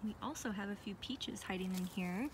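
With background noise around her, an American woman speaks at normal speed in a mid-range voice while giving a chatty, enthusiastic vlog tour of a backyard garden. She records outdoors on a handheld phone from behind the camera.

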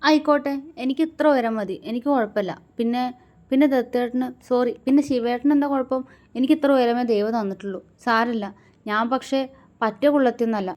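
A small, sensitive young woman with a raised, pleading voice, coaxing like a child, as a woman storyteller puts her on. Her lines come higher and louder than the narration. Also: brisk, lightly acted. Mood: hurt.

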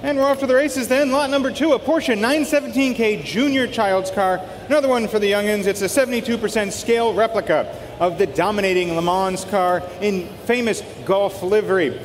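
A man's voice: high voice, brisk. A man presenting auction lots live, reading upbeat descriptions in a breezy, colloquial way. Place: large auction hall. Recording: echoey hall PA, background noise.

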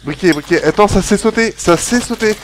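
A man with a slightly high voice talks over his game in a casual, excitable way, chattering and yelping as things happen. Clear game noise runs behind him. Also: fairly quick. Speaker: gaming YouTuber.

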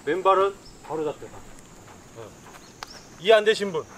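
A very animated man in his thirties directs football players on an outdoor pitch, firing off brisk commands. The background is noisy, and the camera sits far away.

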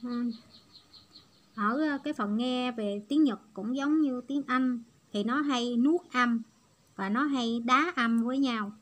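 Woman teacher, patient explaining, slightly high voice. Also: slow. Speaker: Japanese language teacher. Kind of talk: explanatory online lesson.

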